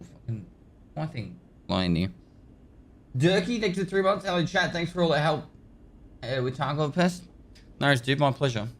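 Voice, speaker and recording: A man's voice: on the high side, expressive, normal speed, pauses often. A man streaming a game, chatting casually and swearing easily as he thanks subscribers, heard through a livestream headset mic. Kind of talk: casual live-stream chat.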